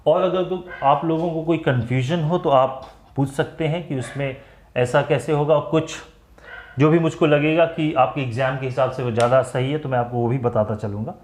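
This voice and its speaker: A young man teaching an exam-prep phonetics lesson. He explains slowly and repeats words and sounds so students can drill the pronunciation. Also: mid-range voice, steady tone, darkish tone. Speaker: English teacher. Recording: echoey room.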